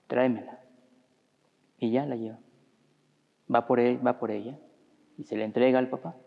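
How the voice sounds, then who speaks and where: Gravelly priest preaching. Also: male voice, medium pitch, fairly even intonation, moderate pace, long reverb tail, phone-quality sound. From Mexico. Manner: storytelling, addresses the congregation as brothers. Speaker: parish priest. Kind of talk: sermon. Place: church.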